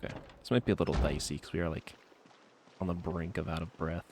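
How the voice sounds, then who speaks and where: A man's voice: deep voice, fairly even intonation, fast, background noise. A man streaming a video game, chatting to himself in a laid-back, rambling way. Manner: laid-back, rambling self-talk with frequent trailing fillers. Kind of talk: casual gameplay commentary.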